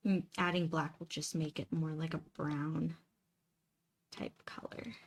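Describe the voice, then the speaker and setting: A woman's voice: low voice, level tone, normal speed, slight background noise. A woman hosting a painting livestream, chatting casually and informally as she works. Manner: greets viewers by name, informal. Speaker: live stream host, painter.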